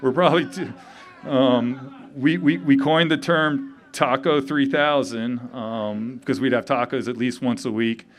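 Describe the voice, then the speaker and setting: A man in his fifties, grieving, giving a halting memorial speech full of pauses and fillers at a tavern gathering. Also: mid-range voice, steady tone. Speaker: eulogy speaker. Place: tavern event.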